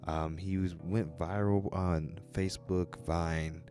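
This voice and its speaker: A man's voice: low-pitched, fairly even intonation, takes it slowly, mellow, faint music behind. A man hosting a podcast, giving a casual, chatty introduction spoken straight to the listeners. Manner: chatty, direct address to listeners. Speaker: podcast host.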